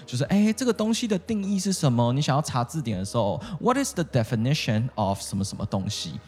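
A man with a Taiwanese Mandarin accent co-hosting a podcast that teaches English, chatting playfully and spelling words out slowly. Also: mid-range voice, very animated, darkish tone. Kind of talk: casual bilingual chat.

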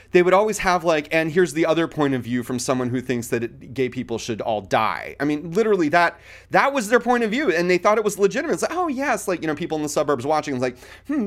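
A man in the host's chair of an interview show, with a voice of middling pitch. He talks with passion, circling back over his own phrases as he builds toward a point. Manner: impassioned, repeats phrases while building a point. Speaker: podcast host. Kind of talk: conversational interview.

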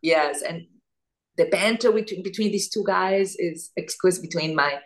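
A woman from Italy, an actress talking as an interview guest, thoughtful and animated, often searching for words. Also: lowish voice, normal speed. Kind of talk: casual interview chat.

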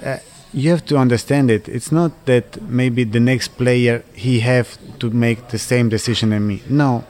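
A man from Switzerland in his thirties, answering interview questions in halting non-native English full of fillers and restarts. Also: medium pitch, steady tone, a little mellow. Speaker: interviewee, footballer.

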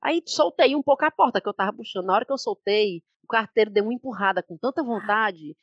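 A woman's voice: medium pitch, lively intonation, quick pace, a bit bright, no room sound, highs cut off. A Brazilian woman in her thirties, co-hosting a casual podcast and retelling a mishap in a chatty, emphatic way. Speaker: podcast co-host. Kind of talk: casual storytelling chat.

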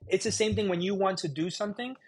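A middle-aged man with a husky, slightly high voice talks candidly as a guest on a podcast. He is a chef and business owner who speaks frankly, with a sarcastic edge, often circling back on his own phrases. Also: fast. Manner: frank, sarcastic, repeats himself with laughs. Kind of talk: candid conversational interview.

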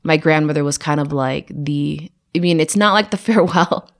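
A tired American-raised woman, a production designer, chats casually in an interview, full of fillers, restarts and frequent laughs. Her voice is low-pitched and her speed normal.

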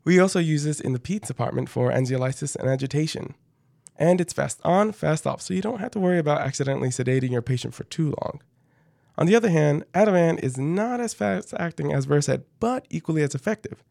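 Male podcast co-host, gravelly mid-range voice, close dry sound, scripted lesson with folksy presenter touches. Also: a little high, lively intonation, fairly quick, darkish tone, dry recording. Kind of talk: scripted educational podcast narration.

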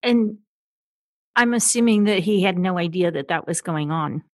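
Woman, interviewer, attentive, gently probing, slightly low voice, dry close sound. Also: normal speed, no echo.

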